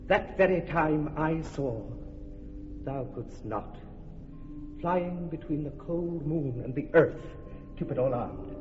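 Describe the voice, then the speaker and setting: A man's voice: on the high side, slow pace, background noise. A man voicing Oberon, a jealous and commanding fairy king, with stern declamation. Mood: wondering. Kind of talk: radio drama acting. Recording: echoey, dull lo-fi radio with long reverb, music.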